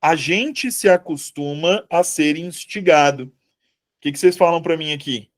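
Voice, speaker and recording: At a moderate pace and fairly high pitch, a Brazilian Portuguese-accented man leads a live exam-prep review session. He talks conversationally, asks how students are doing, and self-corrects aloud.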